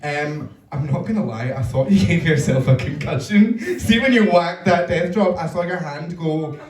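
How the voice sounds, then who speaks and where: A Scottish man with a high voice gives a stage critique as a judge. He is blunt, jokey and sweary, heard at some distance in an echoey venue. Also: animated, moderate pace. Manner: blunt, joking, sweary judging. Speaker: judge at a drag competition. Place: roomy live venue with audience.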